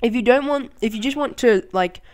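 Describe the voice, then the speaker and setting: A channel host giving casual commentary in a game tutorial, excitable and quick to laugh and exclaim, rambling along with fillers. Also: medium pitch, noisy background.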